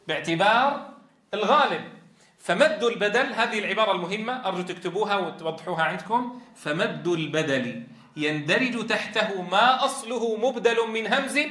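High, bright-voiced male tajweed teacher. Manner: asks students questions and answers them himself; drags out example words slowly. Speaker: Quran teacher trainer. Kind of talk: tajweed lesson. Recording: echoey room.

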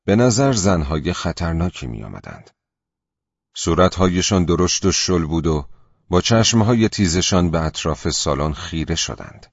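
Deep-voiced male audiobook narrator. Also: big pitch swings, vocal fry, dry recording, dull audio. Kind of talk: scripted literary narration.

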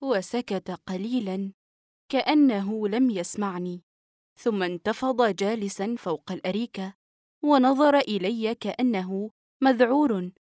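A woman narrating a novel for an audiobook in a steady, even storytelling manner. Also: mid-range voice, a little slow, dry recording, clean studio sound.

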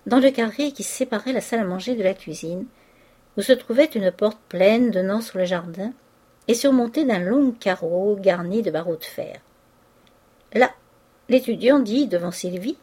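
A woman reads a classic novel aloud as an audiobook narrator. Her narration is measured and even, with a mid-pitched voice. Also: breathy edge.

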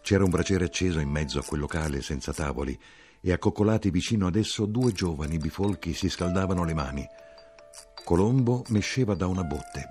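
A man narrating a literary audiobook in a measured, evocative way. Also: low-pitched, a little mellow.

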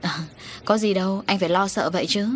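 A woman's voice: mid-range voice, steady tone, brisk, a bit bright, slight background noise, natural voice. A woman voicing a sly middle-aged man who needles his brother with veiled threats in a storybook reading. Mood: sly mocking. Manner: sarcastic, insinuating.

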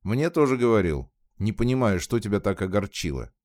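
A man voicing a gentle young man who comforts his sweetheart in a reassuring tone. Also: lowish voice, very animated, a little fast, no room sound, clean studio sound.

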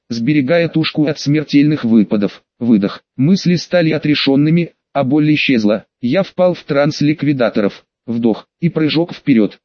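A man's voice: no room sound, dull audio. Man reading a fantasy audiobook dramatically. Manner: dramatic reading, shifts lower and louder for character lines. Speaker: audiobook narrator. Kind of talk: audiobook narration with voiced characters.

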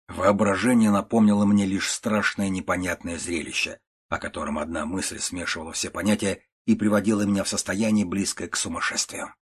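Low, husky male audiobook narrator. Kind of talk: audiobook narration of classic prose.

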